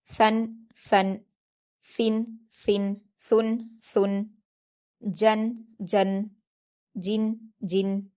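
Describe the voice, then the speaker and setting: A woman teaching Quran recitation rules, drawing out syllables slowly and repeating each word patiently. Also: mid-range voice. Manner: slow drawn-out syllables, patient repetition; steady instructional tone. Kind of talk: recorded tajweed lesson.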